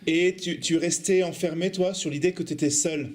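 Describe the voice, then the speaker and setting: A man's voice: on the high side, fairly even intonation, normal speed. A man coaching improv actors, giving notes with lots of hesitations. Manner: hesitant, many fillers, friendly correcting. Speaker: theatre teacher.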